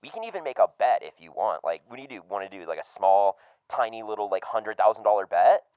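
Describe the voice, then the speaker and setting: A man's voice: on the low side, animated, fast, no echo, narrow, tinny audio, lightly acted. A man playing a laid-back rich surfer-bro caller who drawls with lots of "dude" and "like". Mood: breezy boastful. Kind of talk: comedic prank call bit.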